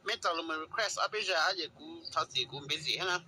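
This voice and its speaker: A man chatting casually, halting and hesitant with many fillers. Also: sits high, bright, forceful tone, a little hiss or hum, rough recording.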